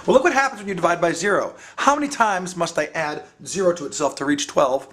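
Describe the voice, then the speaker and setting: A man's voice: a little high, lively intonation, fast, a bit bright. A man teaching a casual math lesson, playful and jokey, thinking aloud with rhetorical questions and ums. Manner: playful, jokey, talks to students as dudes.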